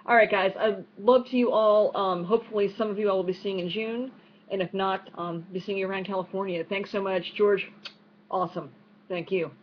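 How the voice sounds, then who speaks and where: Fast-talking New York woman, lo-fi stream. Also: medium pitch, steady tone. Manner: quick-talking, chatty with many fillers and restarts. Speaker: speaker at an online unconference. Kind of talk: casual talk answering audience questions. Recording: dull lo-fi stream with faint noise.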